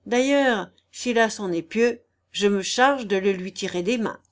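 A woman's voice: medium pitch, unhurried, close to an everyday voice. A woman voicing a bold, mocking male nobleman who speaks in a teasing, self-assured way.

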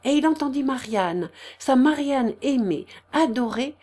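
A woman reading a classic novel aloud in a measured, expressive storytelling manner. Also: high-pitched. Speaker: audiobook narrator. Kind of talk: scripted literary narration.

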